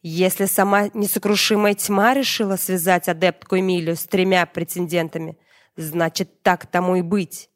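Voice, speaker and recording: A woman's voice: lowish voice, steady tone, normal speed, close to an everyday voice. A woman reading the lines of a stern, commanding male demon ruler in an audiobook. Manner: formal, authoritative.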